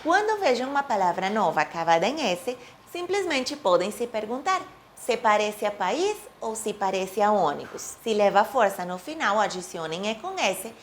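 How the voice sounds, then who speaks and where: Professora de português, fala pausada e expressiva. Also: female voice, big pitch swings, a little hiss or hum. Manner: clear, deliberate, says example words slowly with rising and falling pitch. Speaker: Portuguese teacher. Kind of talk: language lesson.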